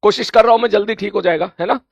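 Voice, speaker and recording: A hoarse male teacher from India chatting casually with his students before an online class, repeating greetings and laughing often. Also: high-pitched, very fast, dry recording, dull audio.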